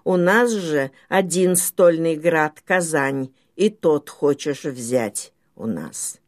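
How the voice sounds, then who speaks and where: A woman's voice: low voice, animated, slow. A woman reading the part of proud, defiant besieged townspeople in a storybook, solemn, resolute and formal. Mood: solemn defiance.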